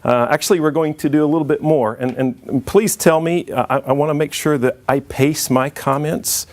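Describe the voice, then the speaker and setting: At a normal speed and in a steady tone, a middle-aged man with a slightly high voice presents informally to a conference audience. He's friendly, cracks jokes, and restarts his sentences a lot.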